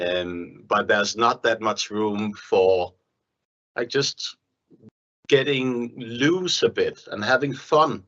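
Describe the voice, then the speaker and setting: A man's voice: on the low side, slow pace, fairly bright tone. A man giving his opinion conversationally as a panelist in a webinar discussion. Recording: slightly dull, lo-fi webinar audio.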